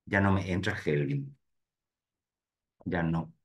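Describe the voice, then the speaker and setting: A man's voice: deep voice, slow pace. A man teaching real estate agents in a live webinar, talking to his audience directly and thinking aloud as he clicks through screens. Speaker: real estate marketing instructor.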